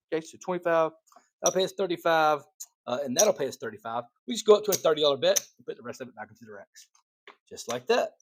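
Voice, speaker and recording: A man hosting a casino dice tutorial, calling rolls and paying bets aloud in an excitable, chatty way, at times out of breath. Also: fairly high pitch. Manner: excitable, calls rolls like a dealer, chatty asides to viewers. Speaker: craps channel host demonstrating strategy. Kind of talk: casual table-game demonstration.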